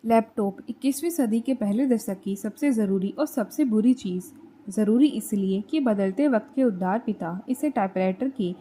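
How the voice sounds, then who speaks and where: A woman's voice: mid-range voice, warm tone, a little hiss or hum. A woman narrating a comic coming-of-age story in a conversational, wry style. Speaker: audiobook narrator.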